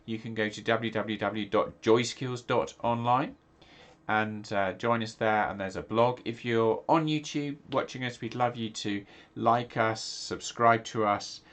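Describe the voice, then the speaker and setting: Fairly even in intonation and a bit bright, his lowish voice proceeds at a measured pace. He's a middle-aged pastor from England in a casual video talk, nasal and congested, rambling with ums and restarts.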